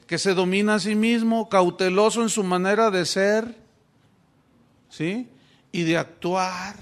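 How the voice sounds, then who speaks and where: A middle-aged pastor from Mexico preaching a sermon, asking his congregation rhetorical questions. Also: high voice.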